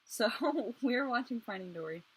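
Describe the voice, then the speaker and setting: A woman's voice: fairly high pitch, lively intonation, moderate pace, breathy edge. A young woman telling her own life story in a casual vlog, blunt, crude and self-mocking. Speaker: vlogger.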